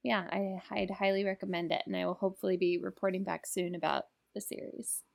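A woman's voice: mid-range voice, little pitch movement, fairly quick, gravelly. Enthusiastic woman chatting on a podcast. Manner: enthusiastic, emphatic, swears freely. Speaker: podcast host. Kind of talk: casual film podcast chat.

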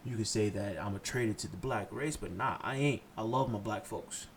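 A Haitian podcaster on his own, his voice on the low side and a little fast, harangues his listeners with blunt, impassioned swearing. There is slight background noise.

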